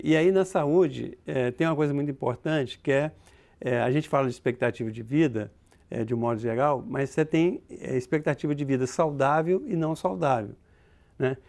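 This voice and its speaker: This Brazilian demographer has a slightly mellow voice on the high side, with vocal fry. Interviewed, he explains concepts hesitantly, full of fillers and restarts.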